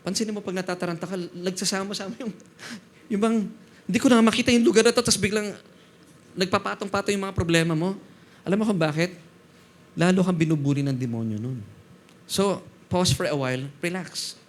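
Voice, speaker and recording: A middle-aged man from the Philippines preaching a sermon as pastor, animated and often prompting the congregation for a response. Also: high-pitched, fairly quick, pauses often.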